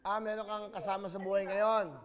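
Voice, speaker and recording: A male game show host speaks in a striking high register. He chats with a caller in a playful, teasing manner, firing off quick questions from the studio. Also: flat delivery, in a large hall, crowd noise. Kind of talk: teasing phone chat with a caller.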